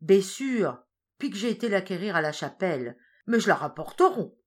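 A woman performs an anxious, stubborn old peasant woman in a spoken storybook. She talks in broad rustic country dialect. Her voice rises high and loud whenever she is alarmed. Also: sing-song, normal speed. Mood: chatty.

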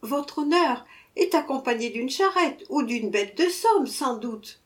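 A woman's voice: sits high, expressive, unhurried, voice pushed up. A woman voicing a humble, polite male corn merchant in a storybook reading. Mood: cautious. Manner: deferential, cautious.

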